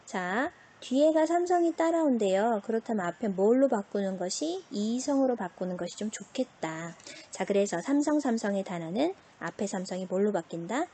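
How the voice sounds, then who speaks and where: Husky-voiced woman teacher, slows way down on example words, asks then answers herself. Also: mid-range voice, animated, warm tone. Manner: models pronunciation slowly, asks and answers her own questions. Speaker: Chinese teacher. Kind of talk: online lesson.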